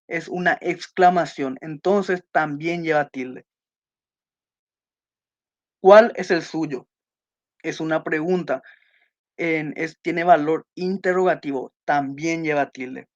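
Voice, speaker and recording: A Spanish teacher giving an online class, explaining accent rules and slowly reading out example sentences, checking in with her students. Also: deep voice, highs cut off. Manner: checks in with students by asking questions.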